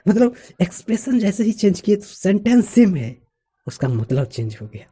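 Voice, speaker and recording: Male vlogger, husky and very dark tone, chatty explainer who stresses his examples. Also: sits high, sing-song, moderate pace. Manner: chatty, laughs now and then, stresses example phrases. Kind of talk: casual explanatory monologue.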